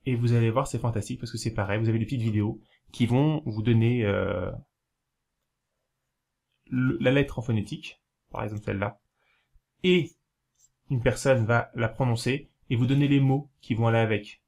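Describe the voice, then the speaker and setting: Man, from France, casual talk to camera, rambling, hesitant, lots of fillers, mid-pitched voice. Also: gravelly, a little mellow. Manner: rambling, hesitant, many fillers and self-corrections; explains slowly, spelling things out while writing. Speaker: video host giving learning tips.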